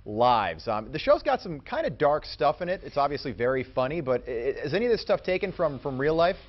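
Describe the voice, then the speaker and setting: A man's voice: on the high side, very animated, a little fast, lo-fi sound. An American man from Massachusetts hosting a casual, informal entertainment interview.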